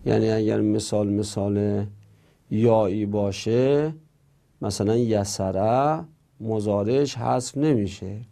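Male teacher, a bit of fry in a warm low-toned voice, steadily reading out rules and explaining them. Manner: methodical, reads rules aloud then explains them. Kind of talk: grammar lesson.

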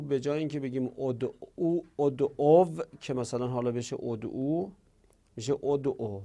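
A man's voice: medium pitch, vocal fry, mellow. A man teaching an Arabic grammar lesson in Persian. He reads rules from a textbook, then explains them in casual speech and repeats his examples.

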